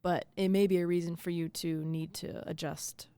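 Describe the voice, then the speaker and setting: Young woman, podcast co-host, casual chatty explaining, lowish voice, dry studio sound. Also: flat delivery, dark tone, clean tone, dry recording. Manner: chatty, with fillers like "like" and quick laughs. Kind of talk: casual chat.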